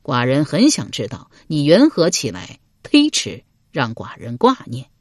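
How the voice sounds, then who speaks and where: A woman narrator voicing a suspicious, jealous middle-aged male lord in a historical novel reading, cold, sneering and deliberate. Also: deep voice, huge pitch swings, a little mellow, no room sound, clean studio sound, full character voice.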